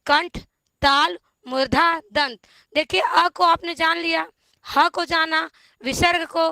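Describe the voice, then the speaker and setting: A woman teacher going through exam questions slowly, repeating each option and asking viewers to answer before giving it. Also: very high voice, fairly even intonation, gravelly, bright, forceful tone, dry recording. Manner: slow, repetitive quizzing of viewers. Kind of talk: exam-prep lesson on Hindi grammar.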